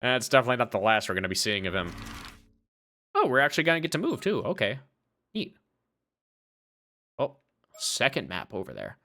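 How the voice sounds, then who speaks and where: A streamer chats casually over his gameplay, laughing and swearing now and then. His voice is bright and forceful, at an ordinary pitch. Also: very animated, fairly quick, long pauses.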